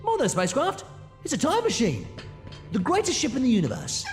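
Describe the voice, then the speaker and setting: A man playing an eccentric, commanding time-travelling alien adventurer in an audio drama, with a theatrical, excitable delivery. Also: extremely high pitch, fairly quick, faint music behind, heavily acted. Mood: exuberant.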